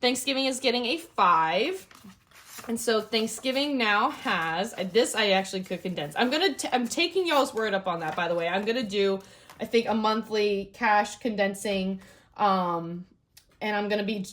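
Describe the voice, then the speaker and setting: A woman's voice: mid-range voice, normal speed, a bit bright. A woman chatting casually to viewers while counting cash into budget envelopes, upbeat and talkative. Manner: bubbly, upbeat, addresses viewers as y'all. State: has the hiccups. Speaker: budgeting vlogger.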